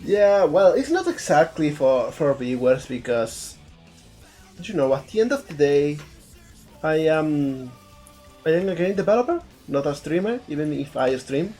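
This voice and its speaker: With a warm, sing-song delivery at medium pitch and a somewhat slow pace, a Spanish game developer talks casually on a live stream of his art. A native Spanish speaker with an Andalusian accent, he thinks out loud as he works and tends to repeat words, over soft background music.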